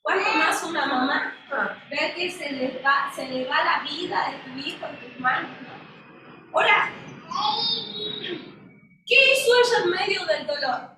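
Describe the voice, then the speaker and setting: A woman leading a church women's Bible study, lively and asking her listeners questions. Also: high voice, unhurried, pauses often, slight background noise. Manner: animated, engages listeners with questions. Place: church meeting room. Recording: echoey room, mic at a distance.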